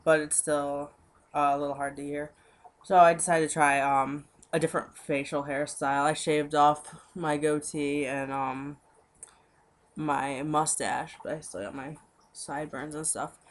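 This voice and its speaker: A man's voice: on the high side, flat delivery. A young man records a casual vlog into his webcam at home, his voice congested and stuffy from a cold. He speaks earnestly and personally, stopping and restarting often with lots of "like" and "um" as he gathers his thoughts. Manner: hesitant, halting, full of "like" and "um".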